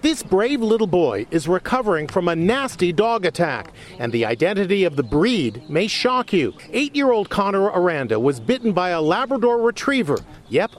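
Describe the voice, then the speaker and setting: High-pitched animated American male reporter. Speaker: news reporter. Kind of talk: scripted news report narration.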